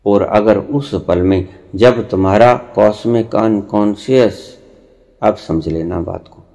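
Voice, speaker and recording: A man giving a spiritual discourse, slow and deliberate with long pauses, lecturing and rebuking his listeners. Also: fairly low pitch, creaky, dark tone. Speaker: spiritual teacher.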